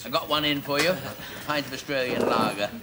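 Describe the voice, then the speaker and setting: An actor playing a timid middle-aged son who sounds flustered and wry. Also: male voice, medium pitch, quick pace, a loud crowd, lightly acted. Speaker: grown son in a sitcom.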